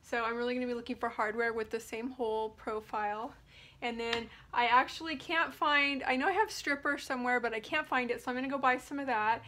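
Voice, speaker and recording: Working indoors, this thirtysomething furniture-painting vlogger chats through a hands-on tutorial, informally thinking out loud. She speaks a little fast in a high-ish, steady, sharp voice over slight background noise.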